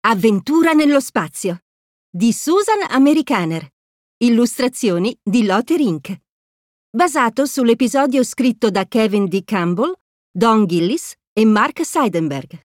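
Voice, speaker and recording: Lively woman reading a children's storybook. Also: a little high, a little slow, dry recording, clean studio sound. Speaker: narrator. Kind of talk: storybook read-aloud.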